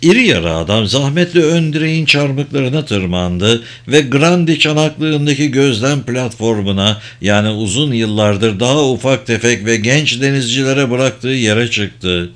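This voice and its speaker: A man narrating an adventure novel as an audiobook, in a steady, measured storytelling voice. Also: mid-range voice.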